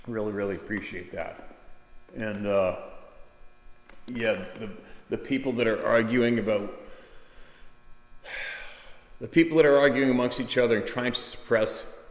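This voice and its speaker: A man's voice: medium pitch, a little slow, pauses often. A man hosting an informal storytelling show, reading a listener's account aloud and commenting on it. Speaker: host of a Bigfoot sightings show. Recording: echoey room with long reverb.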